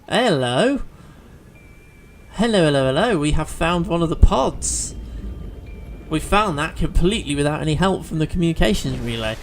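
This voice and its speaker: Gravelly man narrating gameplay. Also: a little high, normal speed, slight background noise. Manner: chatty, thinking aloud with fillers and restarts. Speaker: let's play host. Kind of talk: gameplay commentary.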